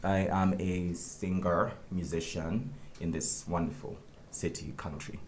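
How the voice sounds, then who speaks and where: A man, a singer guesting on a casual interview chat, playful and quick to react. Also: low voice, steady tone, darkish tone. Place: radio studio. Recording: roomy studio with faint noise.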